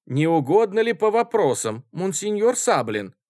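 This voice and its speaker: A man voicing an insistent young woman who chairs a noisy student meeting, pleading and shouting over the others. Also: sits high, big pitch swings, normal speed, dry recording, clean studio sound, voice pushed up. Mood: raised.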